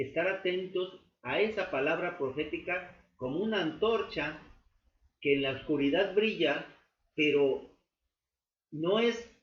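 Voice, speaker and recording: Man teaching a Bible lesson. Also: fairly high pitch. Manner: explains slowly, with many fillers and restatements. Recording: echoey, dull room recording with faint noise.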